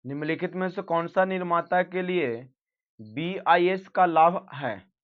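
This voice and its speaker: Male teacher, fairly high voice, reads questions and gives answers for exam practice, dull lo-fi audio. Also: unhurried. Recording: dull lo-fi recording.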